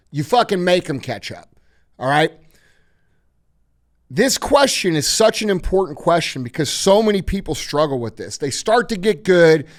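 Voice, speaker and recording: A man hosting a podcast, giving blunt, emphatic motivational advice with heavy swearing. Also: fairly high pitch. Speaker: podcast host.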